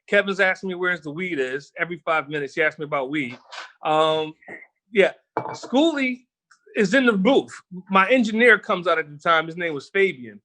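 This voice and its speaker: A man's voice: high-pitched, moderate pace. A middle-aged man from Philadelphia, a guest rapper, telling stories in a casual interview with laughter and frequent swearing. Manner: animated, laughing storyteller who swears freely. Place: home kitchen while cooking.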